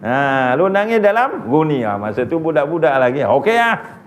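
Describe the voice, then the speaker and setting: A male preacher delivering a sermon in an animated, humorous storytelling manner. He keeps turning to address the congregation directly, and his voice sits high for a man. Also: normal speed, slight background noise. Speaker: religious preacher.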